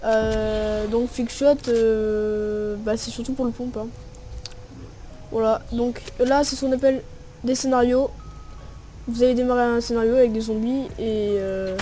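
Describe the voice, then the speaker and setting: A young woman giving casual, slangy gameplay tutorial commentary and voicing her own shot noises as she plays. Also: on the high side. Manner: slangy and relaxed, narrating with spoken shot noises. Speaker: gaming video creator. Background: music and gunfire from the game.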